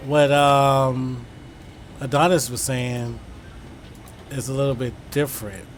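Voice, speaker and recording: A man streams a flight simulator, casually thinking aloud in short muttered fragments. His voice sits at an average pitch, and steady aircraft ambience is clearly audible behind him. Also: normal speed. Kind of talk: casual gameplay commentary, thinking aloud through procedures. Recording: clear background vehicle-like noise.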